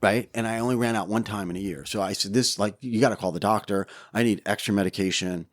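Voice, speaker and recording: He's a middle-aged man with a fairly low voice who speaks quickly. On a podcast, he tells stories in loose interview talk, dramatizing quotes and swearing often.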